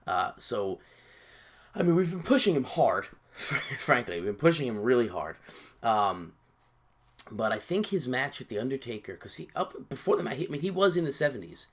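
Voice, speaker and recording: A man casually talking through his wrestling booking game, halting with fillers and repeated words, a bit sleepy and yawning. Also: mid-range voice, animated, fairly bright tone. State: sleepy, yawning early in the day. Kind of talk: casual gameplay commentary.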